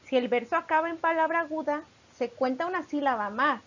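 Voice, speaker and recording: Patient lady teacher w a high voice, drags out syllables on examples, dull muffled recording. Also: a little fast, a bit bright. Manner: patient, stretches out syllables and verses when reading examples. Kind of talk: explaining poetry metrics in a lesson.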